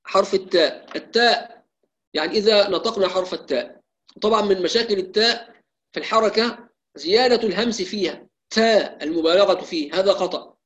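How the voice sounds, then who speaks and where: A man teaching Quran recitation in a live lesson, explaining rules and reciting drawn-out examples. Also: high voice, a bit bright, low-quality recording.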